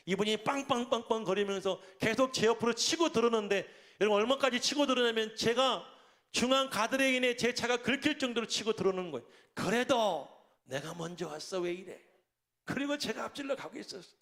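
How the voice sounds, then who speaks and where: A middle-aged man preaches as senior pastor, his voice sitting fairly high. He tells personal stories in an animated way. The delivery is a spoken sermon aimed at a congregation. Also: quick pace. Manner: animated storytelling, acting out angry quotes. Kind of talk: storytelling sermon.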